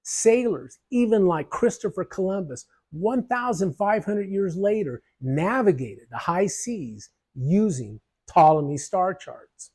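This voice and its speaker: A man narrating a history lesson over slides, his voice sitting a little high and swinging widely as he explains. He keeps it light, tossing in jokes and casual asides between points. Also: unhurried, few pauses, husky. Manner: lively, jokey explanations with asides. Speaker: history channel presenter.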